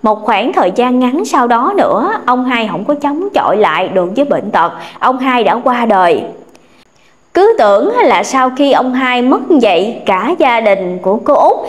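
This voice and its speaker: A woman's voice: on the high side, big pitch swings, moderate pace. A woman narrating a ghost story in a colloquial, dramatic way.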